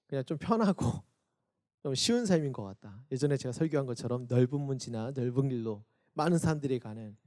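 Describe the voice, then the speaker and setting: Preaching a Sunday sermon for an online service, a youth pastor speaks in a mid-range voice. He performs the voices he quotes, growing loud before falling quiet.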